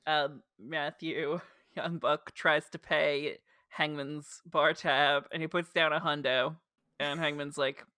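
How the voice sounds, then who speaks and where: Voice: mid-range voice, fairly even intonation, slow pace, pushed and bright, dry recording, clean studio sound. A podcast co-host with a New Jersey accent, chatting casually and retelling scenes with lots of "like" fillers. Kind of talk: casual chat recapping a show.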